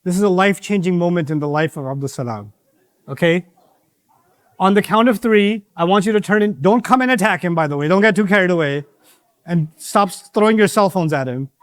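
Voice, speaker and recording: Playful man teaching kids in a mosque, high voice, dry close sound. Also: fairly quick, no room sound. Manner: playful, teasing, acts out dialogue. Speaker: teacher of young audience. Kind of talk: interactive religious lesson.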